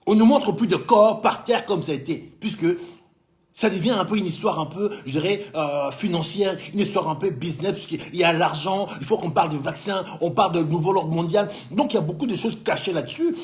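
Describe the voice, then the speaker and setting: High-voiced man from Congo, heated commentator who lectures and scolds. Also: lively intonation, fairly quick. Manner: fiery, scolding, repeatedly addressing the president directly. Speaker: business owner living in France.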